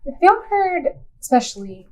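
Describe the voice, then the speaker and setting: A woman playing a tabletop game, asking curious questions of the other characters. Her pitch swings in a lively way as she talks. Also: normal speed, faint music behind. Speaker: player.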